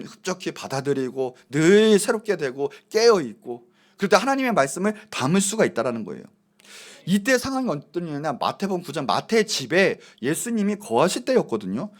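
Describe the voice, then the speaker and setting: A middle-aged male pastor preaching a sermon, emphatic and animated, with casual asides. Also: a little high.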